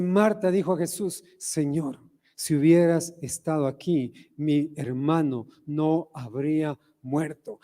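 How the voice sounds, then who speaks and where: A pastor with an Ecuadorian accent preaches a sermon in a high, ringing voice, often turning to ask the congregation questions. His words trail off into the long echo of a church hall. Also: darkish tone. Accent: Ecuadorian Spanish. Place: church sanctuary.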